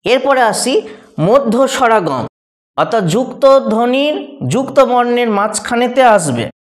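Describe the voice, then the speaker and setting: A man's voice: very high voice, expressive. Patient male teacher in echoey room. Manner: patient, repeats examples slowly and asks rhetorical questions. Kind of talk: classroom grammar lesson.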